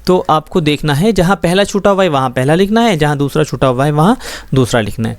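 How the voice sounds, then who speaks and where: A man's voice: a little high, expressive, no echo. A man teaching a schoolbook Urdu lesson, explaining words patiently and often checking that students follow. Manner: patient, explains slowly with frequent check-ins.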